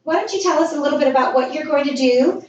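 Female podcast host, higher register, chatty interviewing, roomy distant sound. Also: quick pace. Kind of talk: conversational interview hosting. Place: indoors at a med spa. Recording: echoey room, distant dull mic, faint noise.

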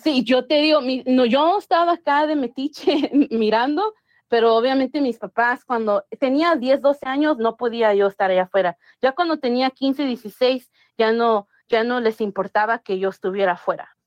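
Woman, higher pitch, dry recording, chatty storytelling, many restarts. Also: normal speed, a little mellow, no echo. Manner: mixes English words into Spanish, many restarts. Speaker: guest. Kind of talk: casual storytelling interview.

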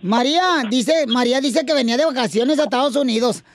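A man's voice: very high-pitched, fairly quick, a loud crowd. A man hosting a morning radio show, cracking jokes and slangy banter. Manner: playful, laughing, slangy joke-teller.

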